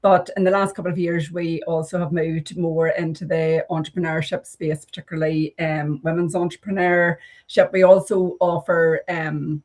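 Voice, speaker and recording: Low-ish woman, chatty and self-deprecating. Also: flat delivery, normal speed, darkish tone. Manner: self-deprecating, many fillers and restarts. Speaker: representative of a business agency. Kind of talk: online webinar presentation.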